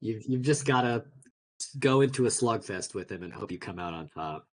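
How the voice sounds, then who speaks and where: A man doing relaxed commentary on a video game tournament stream, often restarting his sentences. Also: on the low side, rough recording. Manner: relaxed, halting, many restarts. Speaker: esports commentator.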